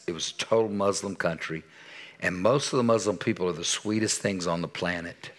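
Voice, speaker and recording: A man in his sixties preaching a sermon in a church, telling a story with animated quoted dialogue and dropping to a soft voice for serious points. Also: low voice. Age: 60s. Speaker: pastor. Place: church sanctuary.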